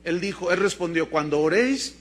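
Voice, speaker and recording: A man's voice: sits high, fairly quick. A middle-aged man with a Mexican Spanish accent, a pastor preaching a sermon and acting out the voices in his own stories. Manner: lively storytelling preacher, acting out dialogue.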